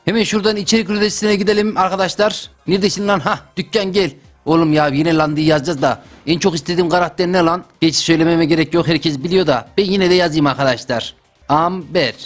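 A young man giving excitable, slangy live commentary over his gameplay as a gaming YouTuber. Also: sits high. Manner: excitable, slangy, talks to himself and viewers.

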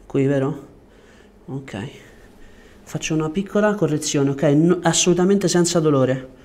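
Speaking in an unhurried way, a man in his thirties with a slightly high, darkish voice works as a chiropractor, offering short, reassuring directions to a patient while examining them by hand. The setting is a small indoor treatment room, recorded on a lapel mic.

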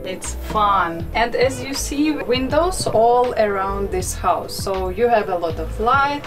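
A young woman giving a cheerful, laughing tour of a small wooden treehouse, talking in a casual vlog style with non-native phrasing. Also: mid-range voice. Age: young adult. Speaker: vlogger giving a house tour. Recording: music playing underneath. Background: background music.

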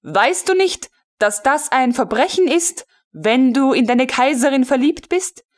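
A woman's voice: animated, measured pace. A woman playing an imperious jealous lady colonel. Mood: jealous, scolding. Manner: sharp, scolding, rising high.

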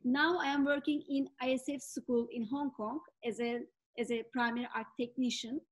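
A Turkish woman guest artist speaking careful, slightly halting English on a video call, with many fillers. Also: high-pitched, fairly even intonation, low-quality recording. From Turkey.

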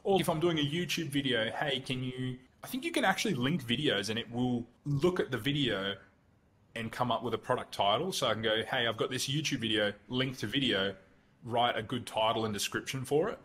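A man of medium pitch talks in a loose, conversational way as a podcast guest. He calls himself blunt and slips into little acted-out examples of what he would type. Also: a little fast, fairly bright tone. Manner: blunt, conversational, acts out sample prompts. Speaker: guest, Google Ads consultant. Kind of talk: casual podcast interview.

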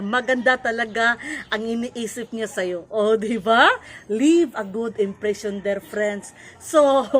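A woman's voice: a little high, fairly bright tone, a little hiss or hum. A woman from Cebu with a Cebuano accent, a store owner giving casual advice to her viewers, mixing in English and often adding "no?". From Cebu, Philippines. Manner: chatty, repeats "kaibigan" and "no?", mixes in English. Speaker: sari-sari store owner vlogger.

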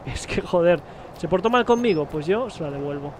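A man from streaming a game live, chattering excitably and cursing freely as he plays. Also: sits high, fairly quick, noisy background. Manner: excitable, jokey, swears freely. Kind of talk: live gameplay commentary. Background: game music.

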